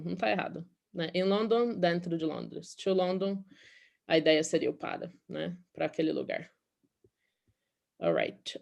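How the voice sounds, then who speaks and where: Speaking Portuguese, a fairly low-pitched woman from Brazil runs an English lesson. She is patient in her explanations and keeps asking "okay?" to check her students are following.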